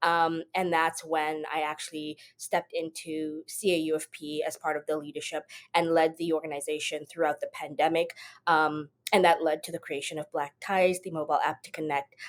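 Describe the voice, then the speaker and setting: Podcast guest: woman in her 30s from South Africa, lowish pitch, thoughtful and advising. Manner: reflective, advising tone. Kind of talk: conversational interview answers.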